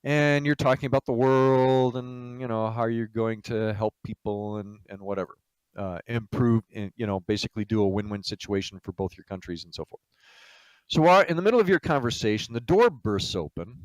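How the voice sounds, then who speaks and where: A man's voice: medium pitch, brisk, smooth, no echo, rough recording. A man giving an informal lecture on project management, telling stories in a blunt, salty way with lots of fillers. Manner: casual, blunt, salty, lots of "you know". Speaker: game studio executive teaching project management.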